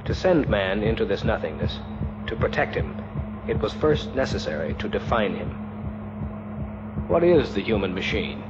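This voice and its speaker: A man reading scripted documentary narration in a solemn, measured, poetic manner. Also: lowish voice, sing-song. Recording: dull archival film sound, noisy hum.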